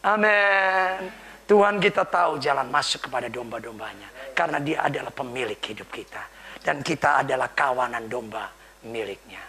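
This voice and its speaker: A man preaching a dramatic sermon, retelling a story and acting out its voices, dropping to whispers and rising to shouts. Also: medium pitch, animated, fairly quick, gravelly. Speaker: pastor.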